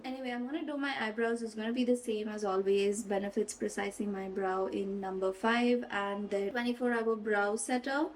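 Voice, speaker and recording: A woman's voice: medium pitch, darkish tone, distant mic, poor audio. A young woman vlogging as she does her makeup, chatting casually and giggling, slipping into a playful fake British accent, with rain and traffic outside. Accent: playful fake British accent mixed into her own. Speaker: beauty vlogger. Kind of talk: casual get-ready-with-me makeup chat.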